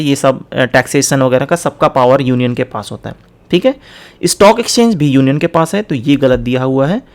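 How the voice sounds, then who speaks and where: Young male exam tutor with a slightly high voice who code-switches in a relaxed lecture style and reads questions deliberately. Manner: mixes Hindi and English, reads questions slowly and deliberately. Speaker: exam prep teacher.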